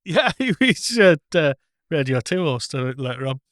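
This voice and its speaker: A man co-hosting a chatty podcast, rambling along with frequent chuckles and ums. His voice sits a bit high for a man, and the sound is dry and close. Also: sing-song, moderate pace, fairly bright tone, no echo. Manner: chuckling, rambling, many fillers. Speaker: podcast co-host. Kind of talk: casual chat.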